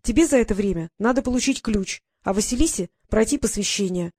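A woman voicing a bossy, lively young fairy girl in an audiobook, with a brisk manner. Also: medium pitch, no echo, studio quality.

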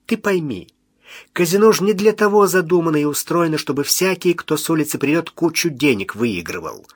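A commanding old navy admiral, as a male reader plays him, with metal in his voice and dry irony in every order. He stays measured and firm. The recording is dry and close. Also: fairly high pitch, animated, no room sound, voice pushed up. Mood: serious. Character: stern ironic older navy admiral, a man. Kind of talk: audiobook character voice.

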